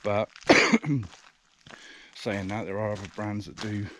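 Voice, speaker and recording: British man, low pitch, casual outdoor vlogger, slightly winded, hesitant and chatty, camera mic with noise behind. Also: completely flat delivery, fairly quick. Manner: rambling, hesitant, many fillers. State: out of breath. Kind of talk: casual walking vlog. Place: outdoors in the countryside, walking by a river. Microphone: action camera's built-in mic.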